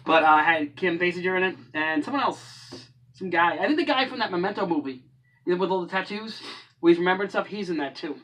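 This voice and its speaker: A man with a bright, fairly high voice talks hesitantly, pausing with ums while he hunts for names. He is recorded from some distance. The talk is casual conversation between co-hosts. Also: lively intonation. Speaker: co-host of a movie review show. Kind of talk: casual chat.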